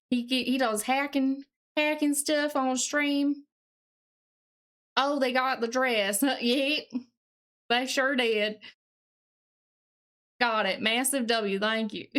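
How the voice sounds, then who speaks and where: With a fairly bright tone, a woman live streamer hams up a fake deep Southern US accent while she chats casually and reads aloud, keeping things playful and folksy.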